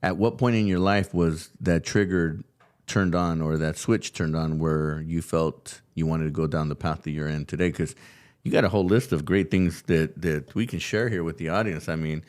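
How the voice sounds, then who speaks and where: A man's voice: a bass voice, steady tone, normal speed, a little mellow. A man from California hosting an interview in a studio, upbeat and loose, with lots of fillers and restarts. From California, USA. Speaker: podcast host. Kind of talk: casual interview chat.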